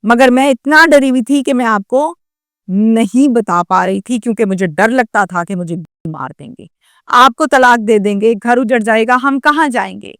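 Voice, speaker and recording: A woman's voice: on the high side, a bit bright, no echo, clean studio sound. A woman voicing a frightened teenage girl. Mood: pleading. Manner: tearful, pleading. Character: frightened teenage girl confiding in her mother.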